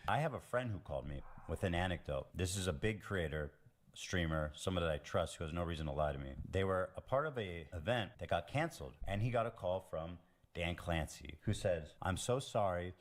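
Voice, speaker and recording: Deep-voiced sarcastic man. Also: animated, a little fast. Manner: sarcastic, dry asides. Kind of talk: casual commentary.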